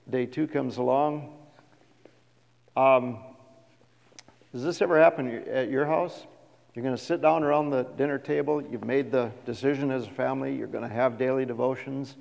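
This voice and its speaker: A middle-aged man preaching a sermon as a pastor, animated and asking the congregation questions. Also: mid-range voice, normal speed, gravelly. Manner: animated, acts out quoted voices, asks the congregation questions. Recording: reverberant hall.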